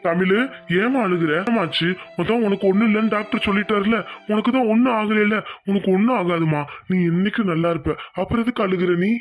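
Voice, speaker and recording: A man voicing a doting middle-aged village father in a cartoon. His high voice frets anxiously over his daughter in rustic country talk. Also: brisk, soft background music, close to an everyday voice. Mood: tender. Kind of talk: cartoon voice acting.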